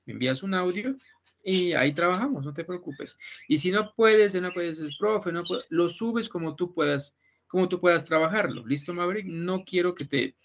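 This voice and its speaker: Man, teacher, reassuring, repeats himself, slightly high, gravelly, muffled video call. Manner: reassuring, repeats himself, keeps checking with "¿listo?". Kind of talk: online class talk to students. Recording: muffled video call audio with faint noise.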